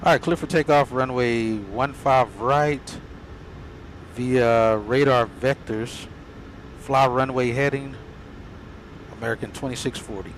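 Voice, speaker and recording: A male airline pilot speaks into his cockpit headset in clipped, procedural callouts. His voice sits at a middling pitch. A constant roar of engines and air fills the cockpit around him. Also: slow, slight background noise, low-quality recording. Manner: clipped, procedural, matter-of-fact. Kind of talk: cockpit callouts and radio calls.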